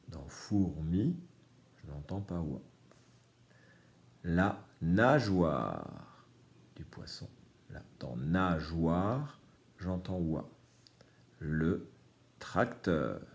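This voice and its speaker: A man's voice: low voice, gravelly, a little mellow. A man teaching a reading lesson to young children, patiently explaining each word. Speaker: primary school teacher.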